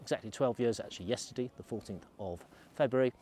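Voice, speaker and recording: Speaking fast in a husky, dark-toned voice of medium pitch, a middle-aged man vlogs casually from a snowy ski slope. He rambles chattily while filming himself with a selfie camera at arm's length.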